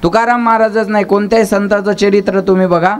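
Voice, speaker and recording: A man's voice: sits high, level tone, fast, smooth. A man from preaching a devotional kirtan sermon, chanting verses and teasing his audience with questions and jokes. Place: live gathering with instruments.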